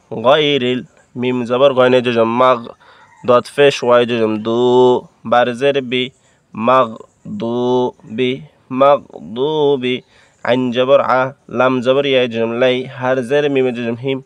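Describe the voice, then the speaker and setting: Man with a Bangladeshi Bengali accent, Quran reading lesson, letter-by-letter spelling, smooth clear voice, dry close sound. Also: medium pitch, dry recording, dull audio. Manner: spells letters and vowel marks one by one, then recites drawn out.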